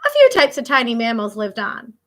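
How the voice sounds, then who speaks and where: Like an elementary teacher, a woman with a somewhat high voice reads aloud from a children's nonfiction book. She keeps it expressive and child-directed, pausing to make casual asides.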